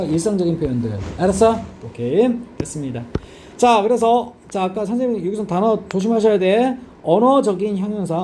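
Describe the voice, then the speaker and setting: A man's voice: high-pitched, dark tone, slight background noise. A man teaching an English grammar lesson, constantly checking in with students by asking if they understand. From South Korea. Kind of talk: classroom grammar lecture.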